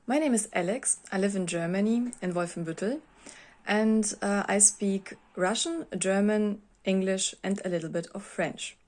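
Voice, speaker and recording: A woman's voice: mid-range voice, moderate pace, a little mellow. A woman answering interview questions casually, with fillers. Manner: hesitant, with fillers. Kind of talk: casual chat.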